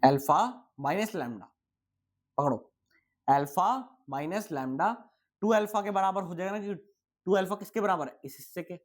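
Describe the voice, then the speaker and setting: A man's voice: high voice, moderate pace. A young man teaching physics in a casual, chatty exam-prep lecture, asking and answering his own questions and sounding tired.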